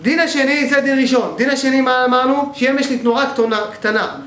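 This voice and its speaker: Male teacher, high-pitched, lectures methodically and keeps checking in with students; roomy, echoey sound with faint noise behind. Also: a bit bright. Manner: explains step by step, often checks with the class. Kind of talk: grammar class lecture. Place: synagogue hall.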